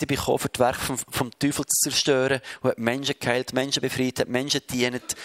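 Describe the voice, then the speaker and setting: A man's voice: medium pitch, a bit bright. A man interviewing a guest, asking long, thoughtful questions with searching phrasing and occasional fillers.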